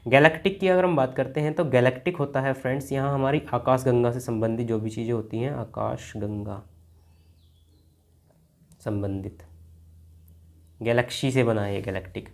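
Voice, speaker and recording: Man teaching vocabulary, repeating words softly. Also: medium pitch, steady tone, normal speed, creaky, pauses often. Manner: explains words one by one, repeating key words softly, often says "friends". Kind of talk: exam-prep vocabulary lesson.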